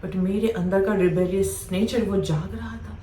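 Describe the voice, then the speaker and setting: A woman's voice: mid-range voice, fairly even intonation, unhurried, dark tone. Woman from Bihar telling her story in a roomy echo. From Bihar, India. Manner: earnest, mixes English phrases into Hindi. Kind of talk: personal storytelling. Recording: roomy echo, distant mic, faint ambient noise.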